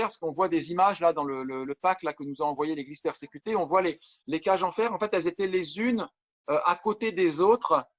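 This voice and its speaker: A pastor preaches by video with a fairly high voice, earnest and searching. He often restarts his phrases as he reads testimony aloud. The sound is dull and muffled. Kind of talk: video sermon.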